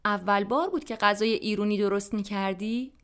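A woman's voice: medium pitch, steady tone, clean tone, close to an everyday voice. A woman voicing Susan, a curious, friendly female dinner guest, in a scripted language-lesson dialogue.

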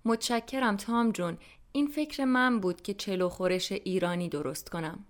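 Woman reading a lesson dialogue. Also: mid-range voice. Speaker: narrator and reader of the dialogue. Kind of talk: scripted language-lesson dialogue.

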